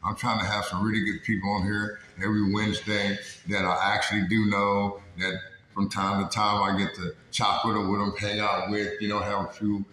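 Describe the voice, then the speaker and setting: A man's voice: lowish voice, little pitch movement, brisk, pushed and bright. A man hosting a casual interview show in a small room, chatting in a folksy, colloquial way. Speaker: host of a weekly interview show. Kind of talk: casual chat. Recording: echoey small room, faint noise.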